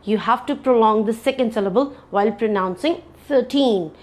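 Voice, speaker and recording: A woman's voice: on the high side, a little fast, darkish tone. A woman teaching as an English test teacher in a lecture, with frequent fillers and self-corrections, repeating key points as she explains.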